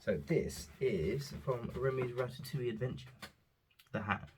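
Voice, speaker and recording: A man talks through his holiday purchases in a loose, rambling way, filling pauses with ums. His voice sits at an ordinary middle pitch. A faint hiss of noise runs under the home recording. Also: darkish tone. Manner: chatty, rambling, frequent ums. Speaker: father showing holiday purchases. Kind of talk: casual haul vlog.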